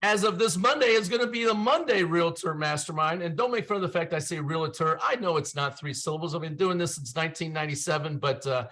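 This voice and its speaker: Middle-aged ohio guy hosting a zoom, folksy, jokey, kinda high voice. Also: quick pace, few pauses, bright, forceful tone. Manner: folksy, joking, upbeat. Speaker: webinar host. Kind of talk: energetic online meeting hosting. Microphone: video call.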